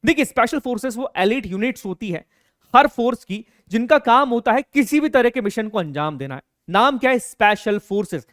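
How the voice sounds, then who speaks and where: Earnest high-voiced male teacher. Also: expressive, fairly quick, fairly bright tone, dry recording, clean studio sound. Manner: earnest, emphatic, addresses students directly. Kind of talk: educational lecture.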